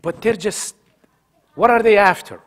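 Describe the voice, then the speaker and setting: Man, high voice, religious study circle teacher, conversational, repeats himself, asks the audience questions, drops in arabic words. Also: measured pace, fairly bright tone. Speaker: halaqa teacher.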